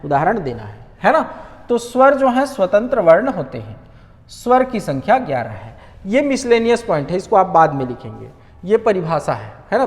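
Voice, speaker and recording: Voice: mid-range voice, long reverb tail. A teacher giving an exam-prep lecture, asking questions and answering them, repeating key points and sounding out examples. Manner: demonstrates sounds aloud.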